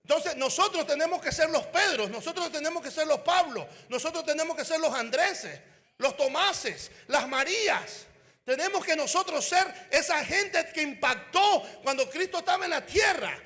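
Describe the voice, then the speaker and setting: A man preaching a fervent sermon as an evangelist at a conference, often shouting and calling out to the crowd. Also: very high-pitched, lively intonation, moderate pace, big-room sound. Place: conference hall.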